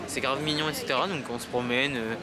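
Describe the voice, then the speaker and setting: Amid very noisy surroundings, a young adult travel vlogger chats casually in slang, his mid-range voice steady and fast. He's out in a seaside city for most of it, then inside an apartment.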